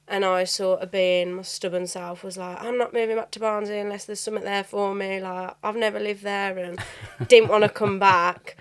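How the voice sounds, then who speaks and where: A woman's voice: medium pitch, clean tone. A young woman with a Birmingham accent chatting as an interview guest, rambling through stories with lots of "sort of" and "like". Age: young adult. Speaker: bar owner, interview guest. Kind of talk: storytelling interview chat.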